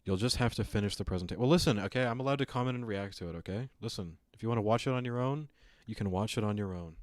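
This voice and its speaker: A man's voice: on the low side, rapid-fire, darkish tone, no echo, clean studio sound. A man streaming a reaction to a lecture, talking to his chat with joking asides. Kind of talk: casual reaction commentary.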